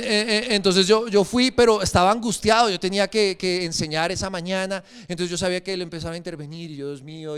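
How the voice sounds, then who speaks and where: A young man preaching a sermon, telling a personal story with animated emphasis. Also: high voice, clean tone.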